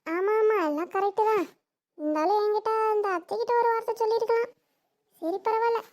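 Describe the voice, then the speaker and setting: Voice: extremely high pitch, fairly even intonation, fairly quick, a little mellow. Woman playing a sly freeloading aunt. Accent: southern Tamil Nadu. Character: middle-aged aunt, freeloading relative.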